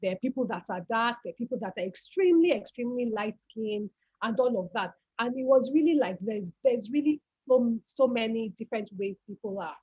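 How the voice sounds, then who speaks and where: A woman with a Nigerian accent appears as a guest on an online talk, reflectively recounting her family's story and often repeating words while she searches for them. Her voice is a little high, expressive, brisk, mellow and husky. The audio is dull, lo-fi call quality.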